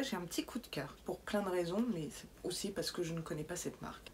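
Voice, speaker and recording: A young woman talks through a beauty box unboxing in a chatty, wry tone, slipping into whispered asides between her product comments. Her voice sits at an ordinary middle pitch, with faint noise in the background. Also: darkish tone.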